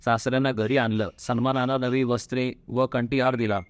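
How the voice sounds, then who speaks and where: A man's voice: medium pitch, dry recording. Man reading a devotional folk tale. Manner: steady, measured storytelling. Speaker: storyteller.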